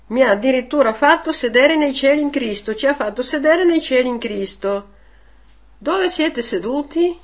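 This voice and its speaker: A woman giving informal religious teaching, conversational, with frequent rhetorical "eh?" tags and hesitant restarts. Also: high-pitched. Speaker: catechist.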